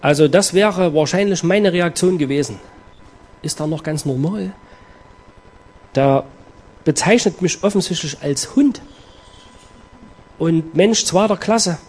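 A man preaching a sermon, reading scripture aloud and explaining it with earnest emphasis and dramatic pauses. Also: a little high, darkish tone, husky.

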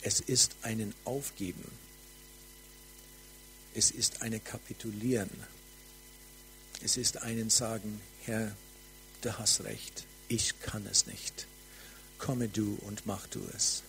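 Slow fervent male preacher, faint hum. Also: lowish voice, level tone, rough recording. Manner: slow, fervent, drops to soft near-whispers. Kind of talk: charismatic sermon with prophetic ministry.

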